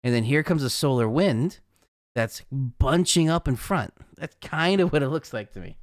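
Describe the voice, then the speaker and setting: A man's voice: medium pitch, lively intonation, normal speed, no echo, studio quality. A man hosting a casual live weather forecast, chatty and rambling, who laughs at his own jokes.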